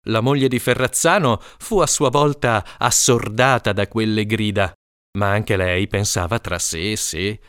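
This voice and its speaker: A man narrating a comic folk tale in an animated storytelling manner. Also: on the low side, measured pace, clear, resonant tone, dry recording, studio quality. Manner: lively, animated storytelling with character voices.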